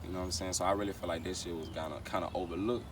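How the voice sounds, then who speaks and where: A young rapper talks casually in street slang during an interview, rambling, repeating phrases, and often saying "you know what I'm saying." His low voice is steady and very fast, picked up by a distant mic with clear outdoor traffic noise.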